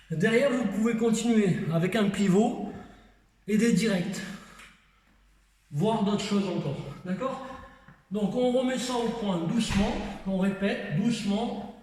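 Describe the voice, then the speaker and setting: A man's voice: high-pitched, slight background noise. A man teaching a boxing lesson. He demonstrates moves while counting punches and often checks that the viewer is following. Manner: repeats "d'accord?" to check understanding. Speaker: boxing coach. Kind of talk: home workout lesson. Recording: echoey room, voice from far off mic.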